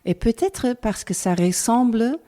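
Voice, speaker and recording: A woman's voice: a little high, expressive, measured pace, mellow. A middle-aged Dutch woman speaking French with a Dutch accent as a guest, hesitant and searching for words with many fillers. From Netherlands. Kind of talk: casual interview chat.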